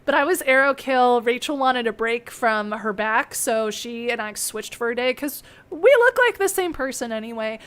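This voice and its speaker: A young woman hosting a casual chat, telling stories in a chatty, giggly, animated way. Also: on the high side, normal speed, few pauses, clear, resonant tone. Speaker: host.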